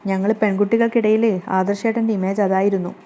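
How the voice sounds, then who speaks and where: A woman's voice: mid-range voice, little pitch movement, quick pace, warm tone, slight background noise, close to an everyday voice. A woman reading a teasing young assistant.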